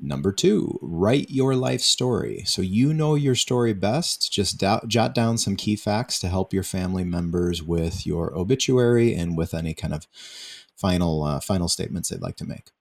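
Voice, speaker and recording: Deep voiced guy on a radio money show, chatty, laughs now and then, restarts his words a lot. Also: animated, normal speed, creaky. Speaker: financial advisor guest. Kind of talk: radio show advice talk.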